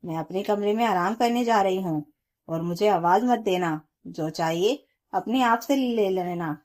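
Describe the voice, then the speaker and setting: A woman's voice: mid-range voice, measured pace, a little mellow, close to an everyday voice. A woman storyteller voicing a stern, bossy mother-in-law who scolds her daughter-in-law. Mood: scolding.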